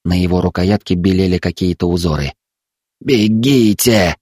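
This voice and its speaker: Male narrator with a low voice, dry close recording, measured dramatic reading. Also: a little mellow, dry recording. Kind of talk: storytelling narration.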